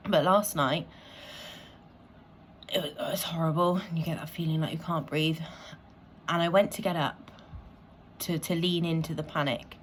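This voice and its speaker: A woman speaks in a reflective personal vlog, her voice sitting on the low side. She talks softly with frequent pauses and fillers, at times sinking to a whisper. A faint hum of ambient noise sits behind her. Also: fairly even intonation. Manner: soft-spoken, pausing often with fillers, drops to a whisper at times. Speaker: vlogger.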